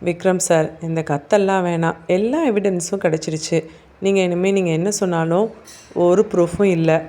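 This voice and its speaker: A woman voicing a calm, measured, cunning male police investigator. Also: mid-range voice, natural voice. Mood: pressing.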